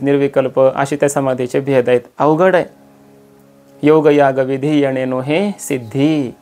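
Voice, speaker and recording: A male kirtan preacher giving a devotional sermon, slowing to chant quoted verses and rising in pitch for emphasis.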